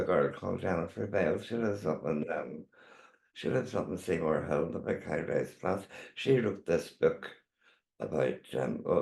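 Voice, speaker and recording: The voice is a man's, sitting low with vocal fry and a slightly mellow quality. He is an older Northern Irish drag performer giving a rambling, chatty interview of casual reminiscences with repeated tags, recorded in an echoey room.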